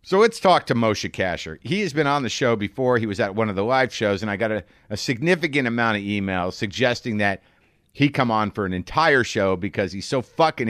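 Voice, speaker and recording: A man's voice: mid-range voice, a bit bright, no echo, studio quality. A man hosting a podcast in casual chat, wry and teasing, with frequent profanity, recorded in a garage. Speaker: podcast host. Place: garage studio.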